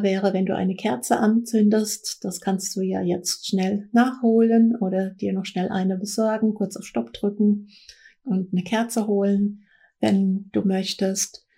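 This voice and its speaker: Woman, spiritual coach, guided meditation, mellow husky voice, gentle and soothing. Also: medium pitch. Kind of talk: guided meditation, softly instructing with pauses.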